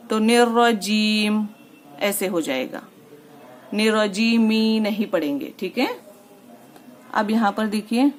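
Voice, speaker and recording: A woman's voice: mid-range voice, slight background noise. A woman teaching the rules of Quran recitation step by step. She patiently checks understanding and draws out words when she demonstrates them. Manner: patient, repeats "theek hai" to check understanding.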